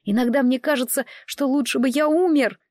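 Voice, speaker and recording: A frightened little boy speaks with a trembling, tearful earnestness, as a woman reading a storybook puts him on. His voice sits high above her usual tone. The sound is dry and close. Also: a little fast, darkish tone, no room sound, natural voice. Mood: upset.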